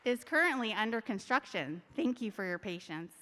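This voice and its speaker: Bright, crisp woman with a long hall echo. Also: mid-range voice, big pitch swings, moderate pace, slight background noise. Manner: fond and joking, with small laughs. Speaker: advisory teacher giving a graduation speech. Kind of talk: heartfelt prepared speech, read aloud. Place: high school graduation ceremony in a large hall. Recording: long reverb of a large hall.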